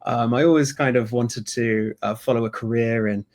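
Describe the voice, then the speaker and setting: A man's voice: mid-range voice, steady tone, normal speed, darkish tone. A man from Hong Kong with a British accent, chatting as an interview guest over a video call, laughing often and restarting his sentences with many fillers. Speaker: guest, sourcing company co-founder. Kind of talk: conversational interview answers.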